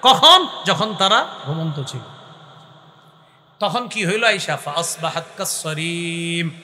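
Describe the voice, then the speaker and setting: A man preaching a waz sermon, chanting verses and then explaining them in lively speech, sometimes dropping to a whisper. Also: a little high, slow, in a large hall. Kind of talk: Bengali waz sermon with chanted Quran recitation.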